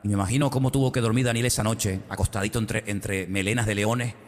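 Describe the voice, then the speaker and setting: A man's voice: on the low side, steady tone, fast, in a large hall. A male pastor preaching a sermon, telling Bible stories dramatically and acting out their voices. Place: church.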